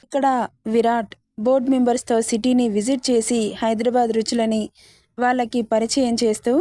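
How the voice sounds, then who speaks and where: A woman reading a romantic story as its narrator, in a steady, measured way. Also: fairly high pitch, no room sound, studio quality.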